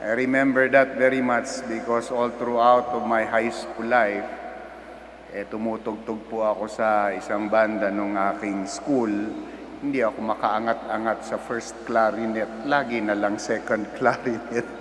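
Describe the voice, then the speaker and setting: A man with a Filipino accent speaking as a priest at Mass, solemn and deliberate, in cathedral echo. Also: on the low side, flat delivery, a bit bright. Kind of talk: liturgical reading and homily. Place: large echoing church. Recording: cathedral echo, long reverb, background noise.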